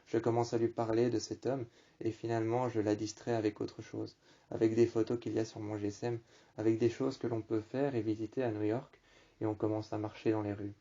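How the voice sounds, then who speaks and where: A man telling a first-person story, halting and often repeating and rephrasing his phrases. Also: fairly low pitch, little pitch movement, warm tone. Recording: dull lo-fi recording.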